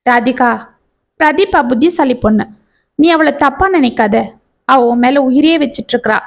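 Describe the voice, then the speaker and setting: A woman voicing a kind middle-aged man who calmly reassures a friend. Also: high-pitched, normal speed. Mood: reassuring. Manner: gentle, calm, reassuring. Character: kind, steady middle-aged male neighbour.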